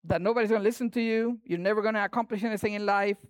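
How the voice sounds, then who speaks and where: In rapid-fire delivery, a male pastor with a Latin American Spanish accent preaches a lively sermon. His fairly high voice sounds close and dry, without echo. He stays playful and animated, moving between punchy, loud emphasis and soft, hushed asides.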